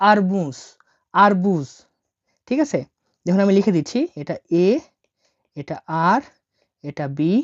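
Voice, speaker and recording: Patient woman teacher with a mellow voice. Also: on the low side, highs cut off. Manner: patient, spells words letter by letter and repeats them. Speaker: language teacher. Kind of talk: spoken language lesson.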